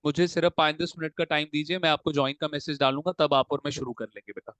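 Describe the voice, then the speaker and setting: A male commerce tutor giving a classroom lecture, drilling students with quick call-and-answer questions in a fatherly way. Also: a little high, fairly even intonation, a bit bright, dry recording, low-quality recording. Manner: fatherly, calls students "beta". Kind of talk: classroom lecture mixing Hindi and English. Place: coaching classroom.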